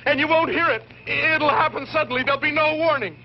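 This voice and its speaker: An actor playing an agitated, urgent doomsayer in a muffled, hissy 1960s B-movie. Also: male voice, extremely high pitch, fairly quick. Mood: agitated, ominous. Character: agitated doomsayer warning of atomic destruction. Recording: muffled, hissy old film soundtrack.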